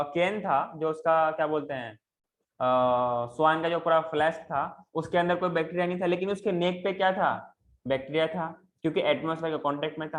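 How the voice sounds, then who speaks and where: Male teacher, high pitch, lecturing; frequent comprehension checks, drops into slow halting English. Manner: keeps checking if students follow; slows down in halting English phrases. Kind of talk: classroom lecture.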